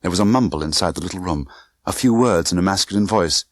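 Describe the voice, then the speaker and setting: With a low voice and a fast pace, the narrator gives tense, theatrical narration of a spy thriller audiobook in clipped, short phrases. The recording is dry and studio-clean.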